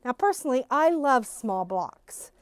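With a high-pitched, very animated voice, a middle-aged woman shows a phone camera the new stock in her quilt shop, speaking through a face mask as it follows her. She's bubbly and gushing, a little slow, and her tone is clear and resonant, with no room sound.

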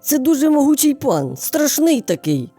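A small, cunning hare speaks with exaggerated courtesy and sing-song flattery, as a woman acts him out. Her fairly high voice is lively and full of swoops, with a warm, mellow tone. Dry close recording with faint music behind. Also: moderate pace, no room sound. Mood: sly. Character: small clever male hare, polite and cunning. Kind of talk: storybook character voice.

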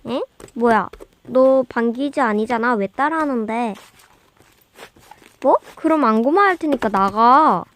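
A woman's voice: on the high side, expressive, measured pace, a bit bright, slight background noise. A young female host chatting casually and teasingly to viewers.

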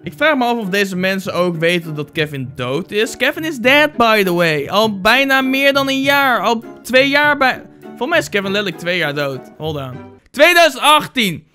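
Bright, high-voiced joking Dutch YouTuber man. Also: sing-song, moderate pace, soft background music. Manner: playful, self-mocking, swears, slips into English phrases; bursts into loud shouts. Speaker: YouTuber reacting to fan posts. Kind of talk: casual joking commentary.

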